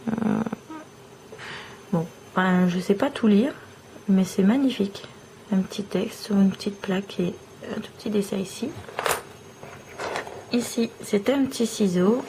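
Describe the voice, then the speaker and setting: A woman vlogger showing off small trinkets one by one in a slow, admiring show-and-tell. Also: medium pitch, noisy background.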